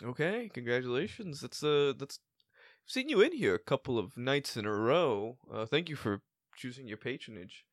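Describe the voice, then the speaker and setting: A man's voice: medium pitch, sing-song, normal speed, no echo, studio quality, natural voice. A man voicing an accommodating innkeeper in an improvised tabletop game, talking politely and a little hesitantly to guests. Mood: friendly, chatty. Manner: polite, obliging, slightly hesitant service talk. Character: accommodating male innkeeper at an adventurers' guild. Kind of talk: improvised tabletop role-play.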